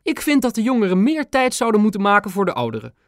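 A stern old queen and grandmother, raised high and speaking in crisp staccato bursts, as a male audiobook reader puts her on. Her voice swings widely, and the recording is dry and close. She sounds regal and a little severe. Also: huge pitch swings, quick pace, no echo, exaggerated voice. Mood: stately. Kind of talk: audiobook character voice.

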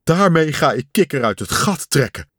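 Fretful storybook toad, loud worried cries, dry close sound, a man reading it. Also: fairly high pitch, very animated, moderate pace, breathy edge, dry recording, pitched above the performer's own voice. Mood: determined. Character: anxious caring male toad.

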